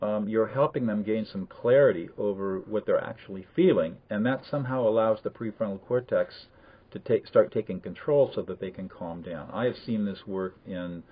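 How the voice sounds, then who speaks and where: Low husky man over a tinny line. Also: normal speed. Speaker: conflict de-escalation expert. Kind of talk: explanatory conversation on a livestream.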